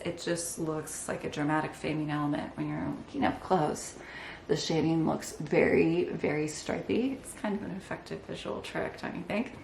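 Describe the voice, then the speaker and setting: A woman's voice: lowish voice, vocal fry, echoey room, slight background noise. A woman hosting an embroidery channel, explaining her stitching with enthusiasm and wry asides. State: out of breath from holding a heavy piece. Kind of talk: casual show-and-tell narration. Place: indoor room with windows.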